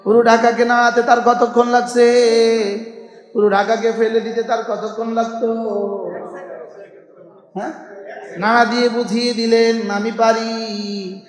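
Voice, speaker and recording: High-voiced preacher in an echoing hall. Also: male voice, little pitch movement, moderate pace, pauses often, faint music behind. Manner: rhythmic repetition with Arabic recitation and call-and-response questions. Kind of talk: Islamic sermon. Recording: echoey hall sound.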